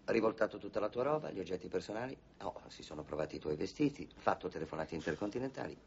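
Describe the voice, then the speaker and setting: A man's voice: deep voice, fast, gravelly, slight background noise. An actor dubbing a teasing, wisecracking male ghost hunter. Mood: smooth, coaxing. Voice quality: joking, playful, lively. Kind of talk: dubbed film acting. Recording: dull dubbed film audio with music.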